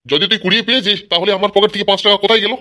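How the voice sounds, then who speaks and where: A man's voice: high-pitched, steady tone, very fast, pushed and bright. A man voicing a scolding, exasperated father who sells vegetables, in a cartoon. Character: grumpy father, vegetable seller. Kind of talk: cartoon voice acting.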